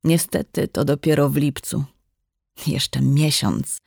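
A narrator reading a novel aloud at an even, measured pace. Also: mid-range voice, vocal fry, no room sound, studio quality. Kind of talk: scripted audiobook narration.

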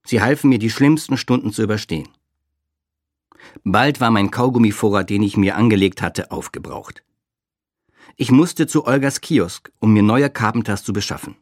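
A man reading a first-person children's detective story aloud, in a lively, expressive way. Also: fairly low pitch, normal speed, no room sound, clean studio sound. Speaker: audiobook reader.

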